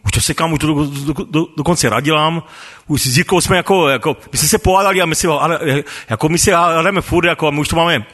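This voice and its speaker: A man's voice: on the high side, fairly bright tone, long reverb tail. A man sharing a personal faith testimony as a ministry worker, stammering through restarts and chuckling often.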